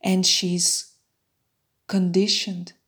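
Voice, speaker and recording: A woman guiding a hypnosis meditation in a soft unvoiced whisper, repeating soothing suggestions. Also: fairly low pitch, little pitch movement, drawn-out words, slightly rough. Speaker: meditation guide.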